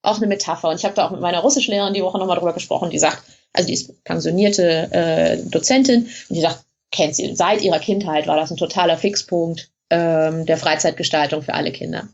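A woman's voice: on the low side, steady tone, quick pace, darkish tone, muffled recording. A woman blogger being interviewed, explaining things in a chatty way with frequent hesitations. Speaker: blogger in Russia, guest. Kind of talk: casual interview.

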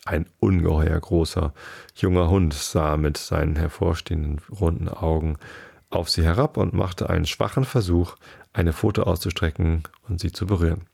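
Man, narrator, audiobook storytelling, very deep pitch, gravelly fry. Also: steady tone, darkish tone. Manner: slow, careful storytelling. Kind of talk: audiobook reading of a children's story.

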